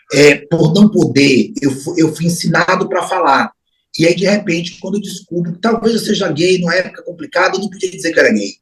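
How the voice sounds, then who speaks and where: A middle-aged Brazilian man in an interview, recalling his family in an unhurried, reflective way, lingering on words and trailing off into soft asides. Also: fairly high pitch, low-quality recording. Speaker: interview guest. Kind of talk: reflective personal memories.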